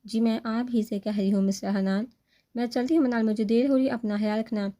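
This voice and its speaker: A woman's voice: on the high side, steady tone, dark tone, close to an everyday voice. A woman voicing a blunt young woman who scolds a husband, in a storybook reading. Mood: scolding.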